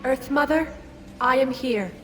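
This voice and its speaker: A woman playing a solemn, earnest elemental earth spirit in a guided-meditation audio drama, speaking in a measured, instructive way. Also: sits high. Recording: long echoing reverb, prominent music bed.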